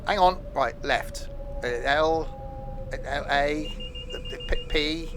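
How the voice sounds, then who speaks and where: A man's voice: on the high side, fairly even intonation, very slow, background noise. An English man giving casual, rambling, jokey live commentary while streaming a train simulator, with train game sounds behind him.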